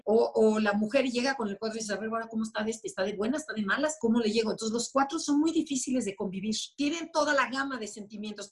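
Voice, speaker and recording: A woman explaining personality types in a lively, conversational way, often acting out little quoted voices. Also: a little high, husky. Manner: animated, acts out quoted voices. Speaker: enneagram expert guest.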